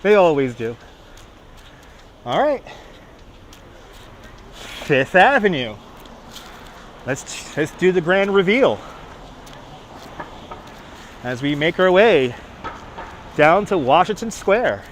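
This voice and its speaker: Middle-aged man, Brooklyn accent, slightly high voice, chatty and repetitive, casual live-stream talk, faint city street noise. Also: very animated, takes it slowly, long pauses. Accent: Brooklyn, New York. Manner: chatty, reading and answering viewers aloud, repeats himself. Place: outdoors on busy Manhattan streets.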